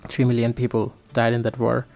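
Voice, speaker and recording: A man from Bangladesh, a radio guest explaining at a measured pace with many fillers. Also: medium pitch, completely flat delivery, gravelly, darkish tone. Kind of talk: casual explanation.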